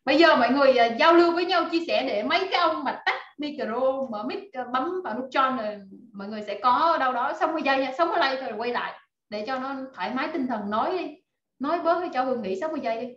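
An online course instructor leads a live class, rapid-fire and energetic, rallying her students with plenty of fillers. Her voice sits fairly high, and the video-call audio sounds roomy and dull.

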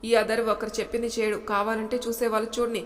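A woman's voice: on the high side, little pitch movement, fast talker, close to an everyday voice. A woman voicing a teasing, bold young man in a storybook tale, swaggering and playful, with a long hall reverb.

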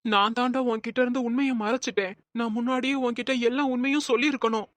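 Woman voicing a calm, patient cartoon young man. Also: a little high, fast, no echo, close to an everyday voice. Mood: earnest. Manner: calm, earnest explaining. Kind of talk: Tamil cartoon voice acting.

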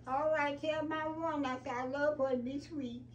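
A woman's voice: sits high, fairly even intonation, moderate pace. A woman in her nineties with a Southern Alabama accent, talking casually in a feisty, blunt, scolding way with family. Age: 90s. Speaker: grandmother. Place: small living room at home. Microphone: phone camera across the room. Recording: distant phone microphone, roomy, faint noise.

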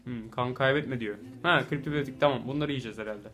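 A man giving casual let's play commentary, chatty, talking to the game and breaking into excited exclamations. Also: mid-range voice, fast. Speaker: gaming YouTuber. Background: soft game music.

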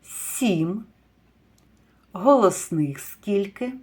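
Woman, kindergarten teacher; lively pitch, very slow, deliberate sounding-out. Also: husky. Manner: slow, drawn-out word sounding with praise and questions. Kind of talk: phonics lesson for young children.

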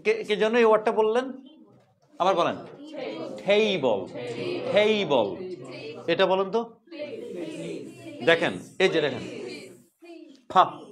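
A man's voice: sits high, measured pace, pauses often, a crowd in the background. A man teaching an English pronunciation class, teasing his students and repeating sounds as drills.

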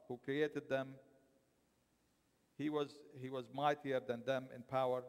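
A man's voice: medium pitch, smooth. A middle-aged man reading a translated Friday sermon aloud from paper in a large mosque prayer hall, stumbling and correcting himself as he goes. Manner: reads aloud from paper, with restarts and self-corrections. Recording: long hall reverb in a mosque.

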